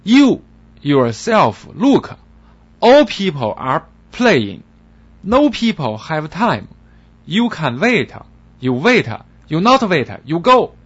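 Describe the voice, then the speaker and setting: A man voicing a flustered female receptionist who speaks broken English, slow and emphatic. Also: on the high side, huge pitch swings, husky, highs cut off, voice pushed up, exaggerated voice. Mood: indignant.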